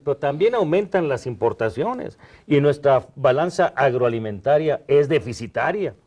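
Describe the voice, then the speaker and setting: A man's voice: mid-range voice, lively intonation, moderate pace, a little mellow. Man explaining in conversation. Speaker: interviewee. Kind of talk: interview answer.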